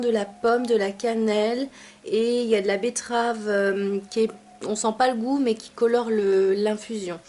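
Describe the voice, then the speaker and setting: A woman's voice: mid-range voice, darkish tone. A young adult woman reviewing teas she has finished, chatty, with many fillers and asides. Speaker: tea vlogger. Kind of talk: casual product review.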